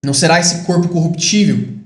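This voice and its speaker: Pregador brasileiro de voz aguda, em sala com eco. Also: male voice, fairly quick, echoey room. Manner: rises to emphatic high declarations, drops to quiet reflective asides. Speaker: preacher. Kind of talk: sermon.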